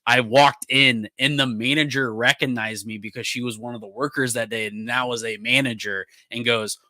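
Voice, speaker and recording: A young man, co-hosting a casual podcast and telling animated stories with frequent laughs. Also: mid-range voice, moderate pace, no echo. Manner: animated storyteller, laughs often. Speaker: podcast co-host. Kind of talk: casual chat.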